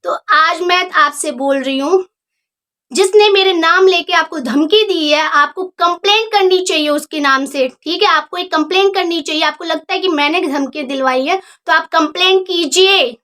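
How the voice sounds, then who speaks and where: A woman YouTuber lecturing and scolding a rival in a callout vlog, firm and sarcastic without shouting. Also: extremely high pitch, normal speed. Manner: steady and firm, not shouting.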